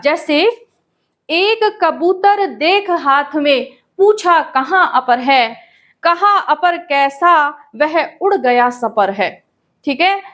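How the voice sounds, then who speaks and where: A woman teacher explaining a grammar lesson patiently, often checking in with the class and reading verse lines slowly. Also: high-pitched. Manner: calls students "बेटा".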